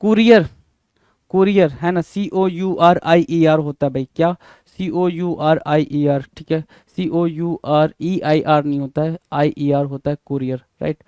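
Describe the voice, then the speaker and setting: A man with an Indian accent works through a spelling quiz, calling out each word and then spelling it letter by letter. His voice sits a little high but sounds mellow and dark. The recording is dry and close, with no room sound. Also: fairly even intonation, unhurried, clear, resonant tone, no echo. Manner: casual, repeats words and spells them out letter by letter, says "bhai" often. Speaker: English teacher. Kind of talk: spelling lesson, going through answers.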